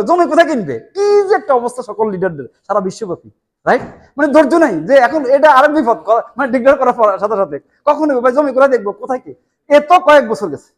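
Bangladeshi man in his forties, motivational seminar speaker, very high voice, rapid and animated, lapel mic in a meeting room. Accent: Bangladeshi Bengali. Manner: animated, gesturing, rhetorical questions.

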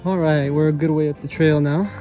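A man in his twenties talking in a relaxed, easygoing way on a casual hiking vlog, recorded outdoors on a phone held at arm's length. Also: fairly high pitch, brisk, dull audio, soft background music. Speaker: vlogger. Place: mountain trail outdoors. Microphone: partner's phone at arm's length.

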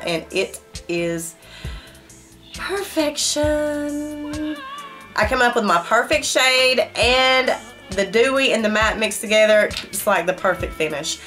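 A middle-aged beauty vlogger reviews makeup straight to camera in a small room at home, her medium-pitched, slightly bright voice thick with a cold-stuffed nose. She's chatty and emphatic, addressing viewers directly, with the camera set at desk distance in front of her.

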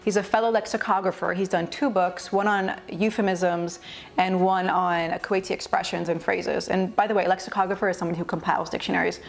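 A woman's voice: fairly low pitch, little pitch movement, brisk, creaky. A woman in her thirties hosting a channel, introducing a guest and asking him questions in an upbeat, chatty way. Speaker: host, interviewer. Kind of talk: video intro and interview. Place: indoor room.

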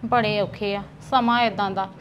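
A woman's voice: medium pitch, steady tone, measured pace, slight background noise, natural voice. A woman playing a worried middle-aged village mother who lectures her son. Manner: chiding, lecturing. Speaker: actor. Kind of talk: family drama skit.

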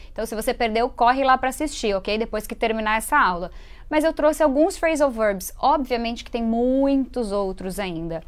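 A Brazilian woman hosts a live online English lesson, explaining words with lots of energy and having viewers repeat after her. She is an English teacher and show host, and her voice is a little high.

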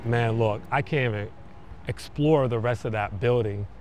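A young man vlogging as he explores a dark abandoned building, making slow, awed remarks into a handheld camera. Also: mid-range voice, slight background noise. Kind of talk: casual exploring vlog. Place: dark abandoned hotel indoors, then street at night.

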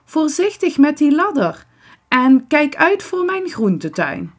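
A woman's voice: sits high, sing-song, slow, pitched above the performer's own voice, full character voice. A woman voicing a watchful, suspicious mother in a children's storybook reading. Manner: calling out, questioning, warning.

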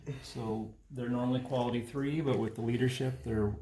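A man playing a tabletop wargame, explaining his moves in a steady, methodical way. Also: medium pitch, brisk. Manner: steady, methodical, hesitant fillers. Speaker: player. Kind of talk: casual tabletop game talk.

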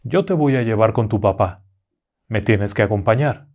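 A man voicing a sinister female corpse spirit who speaks low, hushed and slow. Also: animated. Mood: coaxing.

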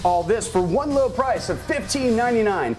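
A man in his thirties hosting an infomercial with an exaggerated, emphatic sales pitch delivery. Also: lively intonation, normal speed, faint music behind. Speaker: infomercial host. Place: small indoor room, speaking to camera.

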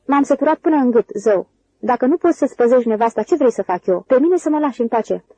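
Calm grown ranch man giving orders, read by a woman, warm low-key tone, dry sound. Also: no room sound, low-quality recording. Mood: fed up.

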